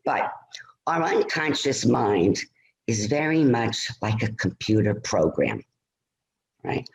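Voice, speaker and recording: A man presenting a stress-management talk on a video call, lively and conversational, often checking in with "all right?". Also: fairly low pitch, takes it slowly, creaky. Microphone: computer mic on a video call. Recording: roomy video call audio.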